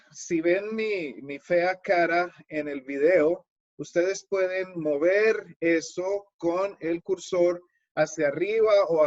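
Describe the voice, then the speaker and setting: A man presenting a live webinar over a video call. He talks slowly in a slightly high voice and explains each point patiently to his viewers. The audio is dull and lo-fi. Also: a little mellow. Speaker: webinar host and Spanish teacher.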